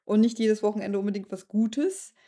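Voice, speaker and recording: A woman's voice: mid-range voice, moderate pace, dark tone. A woman who is an artist and event organizer, speaking candidly in a casual podcast chat. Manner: candid, laughs easily, restarts often.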